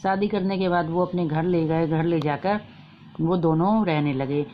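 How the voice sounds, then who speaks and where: Low-voiced woman telling a folk tale. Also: unhurried, lo-fi sound, a little hiss or hum. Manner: plain, homely, repetitive phrasing with fillers. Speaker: storyteller. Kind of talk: casual retelling of a folk fasting tale.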